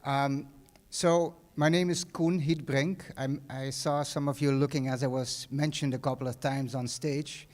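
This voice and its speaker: Speaking unhurriedly at a medium pitch, this middle-aged man from the Netherlands delivers a graduation speech as a guest in a big hall. His darkish, steady voice carries a Dutch accent, and the talk rambles conversationally with plenty of fillers and restarts.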